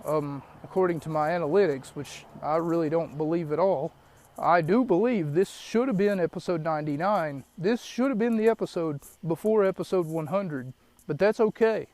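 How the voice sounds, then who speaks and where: A man's voice: a little high, normal speed, a little mellow, no echo. A young man hosting a solo podcast from his parked car, rambling and shaken, catching his breath between fillers. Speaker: podcast host. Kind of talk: solo podcast, wrestling recap. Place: parked car in an empty lot.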